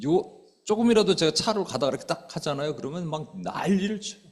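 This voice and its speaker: Middle-aged male pastor, lively sermon delivery, chatty questions to the pews, bursts into acted-out shouts. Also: a little high, fast. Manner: conversational, asks the congregation questions; acts out quoted speech with sudden loud outbursts. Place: church sanctuary.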